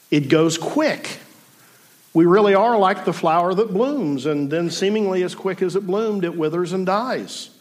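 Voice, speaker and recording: A man in his forties preaching a sermon to a congregation in a room, reflective and thoughtful, with dry self-deprecating humor. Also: on the high side. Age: 40s. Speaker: pastor.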